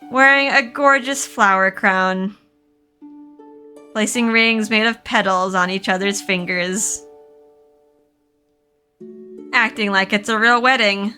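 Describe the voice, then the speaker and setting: A woman's voice: mid-range voice, sharp tone. A woman voicing a dreamy young college student, reading game lines aloud in a wondering tone.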